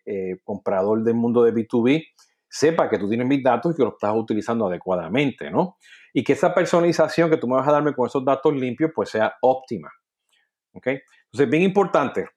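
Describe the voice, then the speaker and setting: Man, explanatory talk, tags lines with "ok?", middle pitch. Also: a little mellow. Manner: peppers sentences with "¿ok?" and "¿no?", restarts words. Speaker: data quality speaker.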